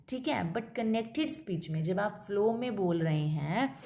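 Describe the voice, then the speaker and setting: Woman lecturer, Indian English accent, steady explanatory teaching voice, mixes languages. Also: mid-range voice. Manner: explains in Hindi mixed with English terms, slows down for English definitions. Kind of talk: classroom lecture video.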